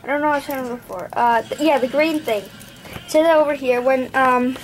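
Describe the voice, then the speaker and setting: At an indoor home desk, a young Indian woman with a high voice rambles through a casual gadget unboxing at a moderate pace. She thinks aloud and corrects herself, captured on a noisy home camera recording.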